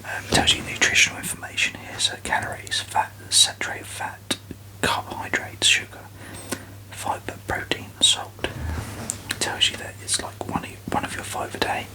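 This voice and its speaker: A person whispering an ASMR review very softly, with tingly mouth sounds and halting, unhurried phrasing. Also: rough recording. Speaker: ASMR video host.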